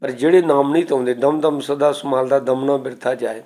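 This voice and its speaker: Male preacher, warm mellow tone, slow verse recitation followed by plain explanation. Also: medium pitch, steady tone. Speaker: Sikh preacher. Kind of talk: scripture exposition sermon.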